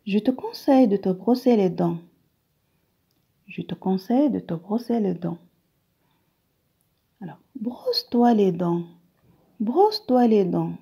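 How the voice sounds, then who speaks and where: Woman, gravelly, grammar lesson, repeats each phrase, muffled recording. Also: mid-range voice, very animated, takes it slowly, long pauses. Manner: patient, repeats each phrase, slips into whispers. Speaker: primary school teacher. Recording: dull lo-fi recording.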